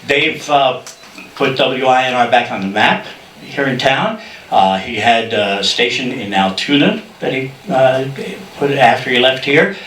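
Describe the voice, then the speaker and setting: An older man reminisces in an anecdotal introduction speech, halting as he goes. His voice is bright and forceful, picked up from a distance in an echoey room. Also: mid-range voice, animated. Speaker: ceremony presenter. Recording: echoey room, distant mic, faint noise.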